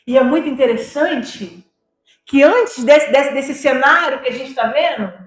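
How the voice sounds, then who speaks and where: A woman preaching a fervent sermon to a congregation, sometimes rising to shouts. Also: high-pitched, unhurried. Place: church. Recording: echoey church hall with music.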